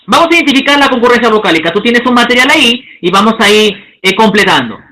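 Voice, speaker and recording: A man teaching a lesson, stretching out example words slowly and checking in with the class. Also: extremely high pitch, animated, sharp tone, low-quality recording. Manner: slow, drawn-out spelling of example words; checks in with listeners, asking okay.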